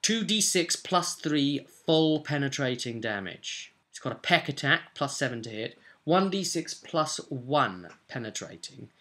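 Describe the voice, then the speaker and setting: In a small, cluttered room at home, a young man runs through a tabletop role-playing session as its game master. His mid-range voice is sharp and very animated, his pace unhurried with hardly any pauses, and he casually stresses key words.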